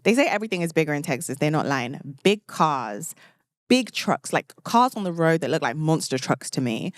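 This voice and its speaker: Low-voiced British woman, chatty host. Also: moderate pace, no echo, studio quality. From United Kingdom. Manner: chatty and expressive, lots of "like" and laughter. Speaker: podcast host. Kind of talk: casual chat.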